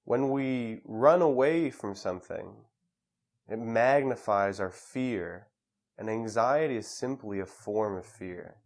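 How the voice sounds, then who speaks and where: Pausing between phrases, a lowish-voiced man takes listeners through a guided meditation at a calm, measured pace.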